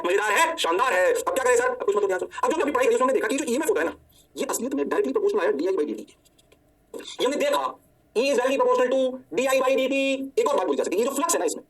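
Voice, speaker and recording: एक पुरुष भौतिकी शिक्षक, हिंदी लहजे में, खेल-खेल में खुद ही छात्र बनकर जवाब देता हुआ जोशीला लेक्चर देता है।. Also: male voice, very high voice, breathy edge, far from the mic. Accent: Hindi. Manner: playful, answers himself in a student's voice. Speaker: physics teacher. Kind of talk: energetic lecture.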